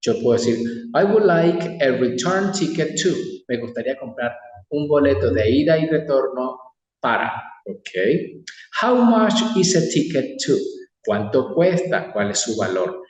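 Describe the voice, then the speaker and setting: Slow, deliberate man teaching in an echoey room. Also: medium pitch, very animated. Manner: slow, deliberate, exaggerated English pronunciation. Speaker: English teacher. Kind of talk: classroom lesson. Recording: echoey room, distant mic.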